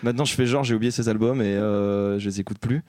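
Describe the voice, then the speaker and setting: A man's voice: on the low side, fairly even intonation, fast, darkish tone, dry recording, clean studio sound. A young man co-hosting a casual film chat in front of a live audience, rambling with many fillers and self-mocking jokes. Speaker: podcast co-host.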